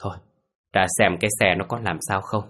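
A man voicing a stern, gruff old village father who gives orders to his family in a ghost story. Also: low-pitched, steady tone, a little fast, a bit bright. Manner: gruff, commanding.

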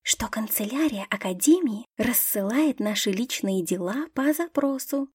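A woman's voice: on the high side, lively intonation, normal speed, darkish tone, husky, dry recording, studio quality. A woman voicing a gossipy young female forest-folk student who talks in a conspiratorial half-whisper.

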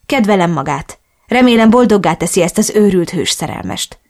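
A woman voicing a brisk, reassuring adult man in an audiobook, blunt and ready to curse. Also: medium pitch, lively intonation, darkish tone, close to an everyday voice. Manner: blunt, swears when angry. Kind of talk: audiobook dialogue reading.

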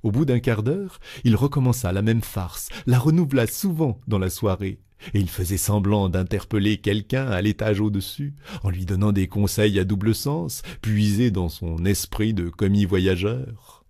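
A man reading a classic novel aloud in a measured, expressive narration. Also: on the low side. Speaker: audiobook reader.

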